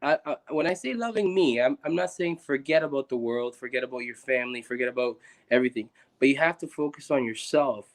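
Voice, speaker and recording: A man's voice: mid-range voice, fairly quick. A young man from Guatemala talking earnestly and reflectively as a guest, with many restarts. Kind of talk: casual conversation on a live stream.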